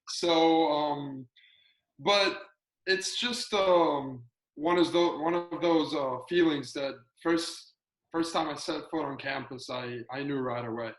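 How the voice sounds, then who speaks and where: A young man chats eagerly over a video call as a student athlete. He talks in a slightly raised voice, full of fillers and restarts. The sound is roomy and echoey. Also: a little high. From Colombia. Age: young adult. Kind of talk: casual video-call chat.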